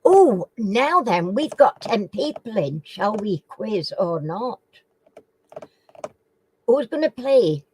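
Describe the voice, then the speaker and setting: A woman running a live quiz chats casually, reading questions and repeating them through slightly slurred, toothless speech. Her medium-pitched, darkish voice is very animated but slow with frequent pauses, in a low-quality recording with slight background noise.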